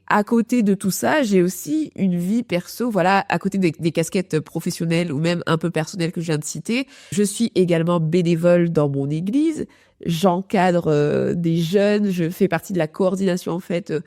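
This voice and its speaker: A woman's voice: fairly low pitch, normal speed, dark tone, dry recording, studio quality. A woman hosting an informal solo podcast, her voice marked by a robotic processing artifact. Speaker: podcast host, productivity coach.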